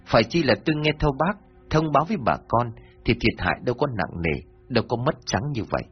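A man voicing a humble, remorseful older village chief who speaks earnestly in a lowered husky voice, in a dull lo-fi recording with faint music behind. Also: lively intonation, fast. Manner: earnest, self-reproaching.

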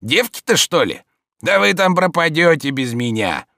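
A stubborn old manservant, as a male narrator puts him on, grumbling and ironic, his voice raised higher and louder than the reader's own. He talks in a lively, swooping way, and the recording is close and dry. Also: moderate pace, vocal fry, dry recording, heavily acted.

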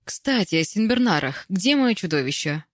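A woman reading a story and voicing a big, brash, teasing female friend who talks loudly and boldly, in a dry, close recording. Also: medium pitch, big pitch swings, normal speed, no echo, voice pushed up. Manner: bold, teasing, loud.

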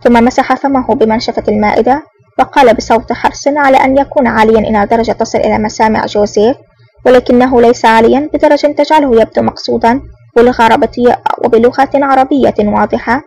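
A woman narrating a spy novel audiobook in a brisk, steady reading. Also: a little high, slightly rough, rough recording.

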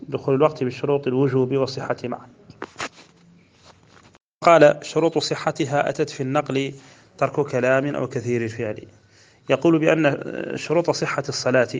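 Brisk scholar explaining a text. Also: male voice, medium pitch. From Mauritania. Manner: slow measured chanting of verse, then brisk explanation. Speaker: Islamic scholar teaching a text. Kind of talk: religious lesson explaining a didactic poem.

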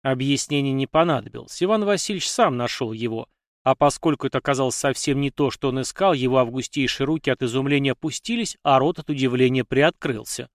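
Male narrator for a dark history reading, mid-pitched, steady, dry close sound. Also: quick pace, dry recording. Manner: even, steady reading with dramatic emphasis.

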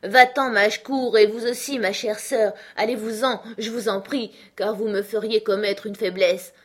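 A woman's voice: mid-range voice, fairly even intonation, moderate pace, lightly acted. A woman voicing a proud, stubborn young uncle held in jail, in an emphatic, protesting manner. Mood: agitated.

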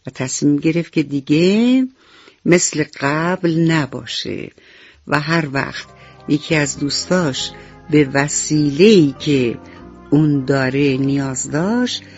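A woman narrating a bedtime story for children on the radio, slow and affectionate. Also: sits low. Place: radio studio. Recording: dull lo-fi radio recording with soft music.

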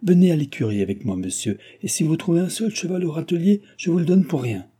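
A man's voice: on the high side, expressive, fast talker, slightly rough, voice pushed up. A man voicing an agitated, stubborn older country postmaster. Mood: pleading. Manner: pleading then shouting, agitated.

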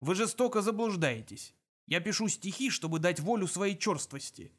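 A man voicing a cruel, pompous alien captain in an audiobook reading, speaking in a cold, measured way. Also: sits high, expressive, pitched above the performer's own voice. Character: pompous cruel alien captain who writes poetry, adult male.

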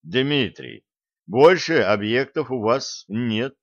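A man voicing a weary male official negotiator who speaks in a flat, unchanging, dejected tone. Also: medium pitch, slow, dry recording, muffled recording. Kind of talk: audiobook character voice.

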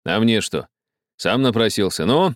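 A man playing a gruff steamboat captain. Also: on the low side, very animated, a little slow, no room sound, studio quality, pitched above the performer's own voice. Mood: curt. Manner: curt and exasperated.

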